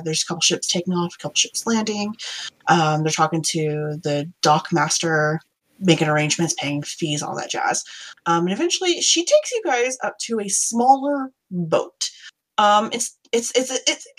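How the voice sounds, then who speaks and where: A woman's voice: mid-range voice, low-quality recording. A woman running a tabletop game as game master, narrating in a rambling, hesitant way full of fillers.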